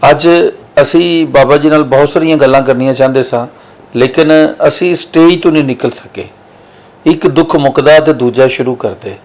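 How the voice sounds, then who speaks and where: A man's voice: medium pitch, moderate pace, a little mellow, poor audio. A man hosting the show, speaking directly to viewers as he closes the episode. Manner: addresses the audience directly. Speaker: host.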